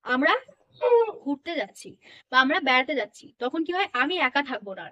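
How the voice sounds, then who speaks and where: A woman's voice: sits high, lively intonation, fairly quick, pushed and bright. A young woman patiently explaining English grammar in a lesson, often checking that her listeners follow. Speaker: English teacher.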